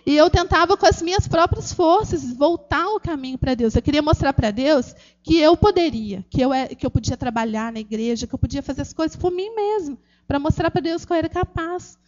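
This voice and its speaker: A woman's voice: sits high, expressive, a little fast, few pauses, darkish tone, highs cut off. A Brazilian woman with a Brazilian Portuguese accent giving an earnest, emotional personal testimony at a church gathering, speaking directly to the audience with frequent restarts. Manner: earnest, addresses the audience as "gente", many restarts.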